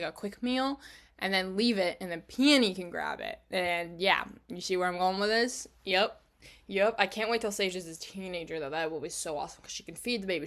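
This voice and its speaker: A woman giving casual, rambling commentary over a life-sim game as the channel's host, often breaking off mid-sentence and filling pauses with "like" and "um.". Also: lowish voice, fairly bright tone. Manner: chatty, fills pauses with "like" and "um".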